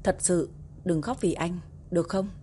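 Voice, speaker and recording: A woman voicing a tender, quiet husband in a romance audiobook, speaking softly in a low, mellow voice. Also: moderate pace, a little hiss or hum, lightly acted. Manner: soft-spoken, gentle.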